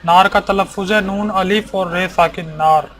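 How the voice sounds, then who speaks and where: Man teacher, high voice, flat delivery, unhurried, spells and repeats every word, faint hiss behind. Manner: spells out words letter by letter and repeats them. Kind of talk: slow English vocabulary lesson.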